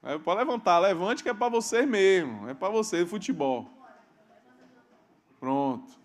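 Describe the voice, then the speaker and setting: Man, pastor, church sermon, high voice, loud and soft by turns, questions to the crowd. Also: expressive, measured pace. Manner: calls out questions to the congregation and waits for amens; swings from loud emphatic lines to low quiet asides. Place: church hall.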